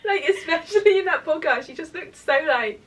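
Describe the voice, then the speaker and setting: A woman co-hosting a fan podcast in casual, excitable, rambling chat, giggly and sweary, saying her R's like W's. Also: extremely high pitch, a little fast, far from the mic. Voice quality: can't say her R's properly, r sounds like w.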